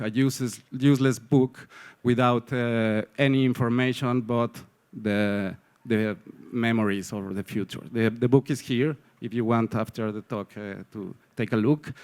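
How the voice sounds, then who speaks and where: A man, presenting his project on a panel in a halting way, tagging sentences with "no?". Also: mid-range voice, steady tone, darkish tone, clear, resonant tone. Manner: halting, many fillers and restarts, tag "no?". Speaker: artist panelist.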